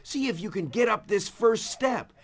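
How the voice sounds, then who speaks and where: Earnest, high-pitched anime-hero coach. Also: male voice, animated, normal speed. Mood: earnest, encouraging. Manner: earnest, determined anime-hero delivery, stable and encouraging. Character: earnest, upbeat young male athletic coach in cartoon game. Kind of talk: video game tutorial voice acting.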